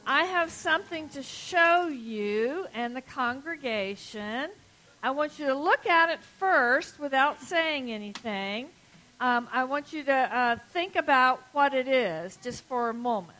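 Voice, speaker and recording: A woman's voice: high voice, lively intonation, a little slow, bright, forceful tone, poor audio. A woman giving a children's sermon in the manner of a kids' show host, asking simple questions and leaving time for answers. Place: large church sanctuary, before a congregation.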